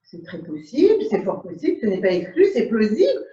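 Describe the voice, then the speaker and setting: A woman playing a prim English lady in an absurdist stage scene, speaking in measured, repetitive exclamations of polite surprise over a video call. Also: mid-range voice, wildly swooping pitch, warm tone. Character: prim English lady, mildly astonished, formal. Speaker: amateur actor. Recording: dull echoey room audio.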